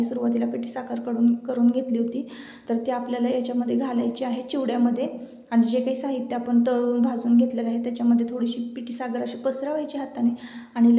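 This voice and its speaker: A woman's voice: a little high, vocal fry, mellow, roomy sound. A middle-aged woman with a Marathi accent, chatting homely as she talks viewers through a home cooking recipe. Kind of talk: casual recipe voice-over.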